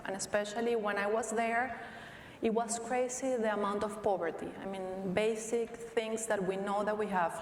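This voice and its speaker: An earnest woman with a Venezuelan accent speaks slowly and thoughtfully, often restarting her sentences. She is heard from some distance in a big echoing hall, with a long reverb tail and faint hiss behind her. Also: medium pitch. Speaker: interviewee, company tech leader. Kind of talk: onstage conversation. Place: large hall at a live event. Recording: echoey hall from far off.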